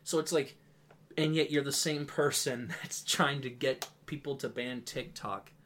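A young man talking casually on a podcast, his voice sitting at an ordinary middle pitch. He makes sarcastic jokes, laughs often and fills his talk with "like". A faint hiss sits under the recording. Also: steady tone, a little slow, fairly bright tone. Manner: laughs often, sarcastic asides, many "like" fillers. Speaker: podcast co-host. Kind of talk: casual chat.

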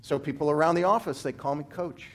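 Emphatic, fairly high-voiced male speaker. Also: fast. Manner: emphatic storytelling, big swings in pitch and loudness; drops low and quiet to land key points. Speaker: former gymnastics coach, speaker.

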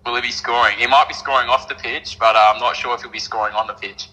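An Australian man answering interview questions as a team captain in casual, cocky, deadpan chat. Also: mid-range voice, fast, big-room sound, rough recording.

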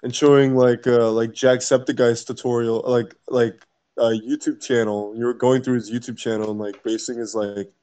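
Mellow, halting young-sounding man. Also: medium pitch, little pitch movement, clear, resonant tone. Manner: halting, filler-heavy. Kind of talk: casual comedy banter.

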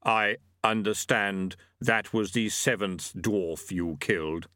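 A man plays a grave storybook spirit of death, patient and unimpressed. The delivery is slow, deadpan and dry in the recording. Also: fairly low pitch, dry recording. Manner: measured, deadpan.

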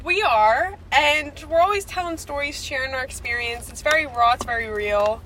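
Young Long Island woman, podcast co-host; high, sharp voice, casual and giggly. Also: moderate pace, a little hiss or hum. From Long Island, New York. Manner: chatty, giggly, many fillers. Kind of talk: casual chat.

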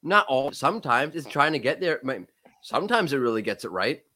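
A forceful, bright, medium-pitched voice with big pitch swings comes from a man in his thirties whose cold makes it crack. He's an SEO expert guesting on a podcast, and in this casual discussion he speaks quickly and emphatically, constantly restarting himself.

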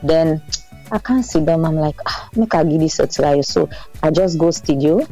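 Woman, low voice, relaxed storyteller, faint music behind. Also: normal speed, rough recording. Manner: relaxed, storytelling, mixes Pidgin into English. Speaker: singer and interview guest. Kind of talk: casual interview chat.

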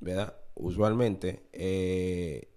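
A man's voice: deep voice, steady tone, extremely slow, warm tone, clear, resonant tone. A man giving an earnest, confessional podcast testimony, often repeating his phrases. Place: New Orleans.

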